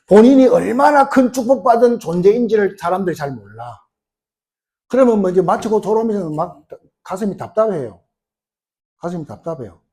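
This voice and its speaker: A man's voice: sits high, warm tone. A middle-aged man preaching a sermon as pastor, emphatic, often putting rhetorical questions to the congregation.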